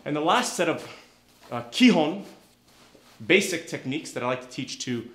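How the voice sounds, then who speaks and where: A karate instructor, a man with a voice on the higher side, walks students through drills. He counts reps aloud, spells out the terms, and punctuates each set with a sharp kiai. The sound bounces around a reverberant training hall. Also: animated, normal speed. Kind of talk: instructional class video. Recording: echoey room.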